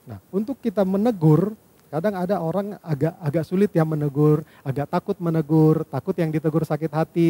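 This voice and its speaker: A man with a slightly raised, mellow voice delivers a devotional lesson to young listeners. He talks patiently, counting off numbered points and checking in with his audience as he goes. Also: on the high side, breathy edge. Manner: patient, lays out numbered points, ends phrases with "ya" and "gitu ya".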